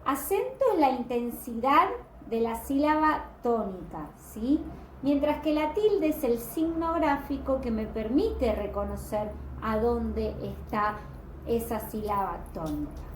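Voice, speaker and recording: A woman teacher explains a grammar lesson in a patient, measured way, stretching out example words. Her voice sits a little high. The recording rings in an echoey room, with clear noise in the background. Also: animated.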